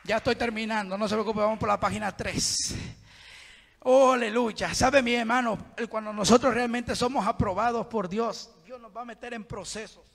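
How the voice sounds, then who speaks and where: A man preaching a fervent Pentecostal sermon in a church, shouting and constantly calling out to his brothers. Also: sits high, steady tone, normal speed, gravelly. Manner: fervent, shouting, keeps saying "mi hermano". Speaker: guest preacher. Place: church sanctuary. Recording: long hall reverb.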